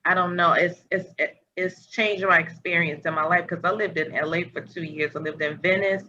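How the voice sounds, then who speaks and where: A woman's voice: lowish voice, steady tone, normal speed, sharp tone. A woman hosting a casual spiritual conversation over a video call, meandering and searching for words. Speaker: podcast host. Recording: dull lo-fi audio with faint noise.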